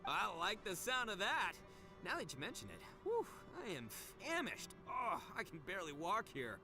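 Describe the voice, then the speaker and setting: A man's voice: sits high, wildly swooping pitch, music in the background, heavily acted. A man voicing a brash, good-hearted young gang boss in a video game, cocky and bombastic. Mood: boisterous, hearty. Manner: cocky, bombastic, drawn-out emphatic words.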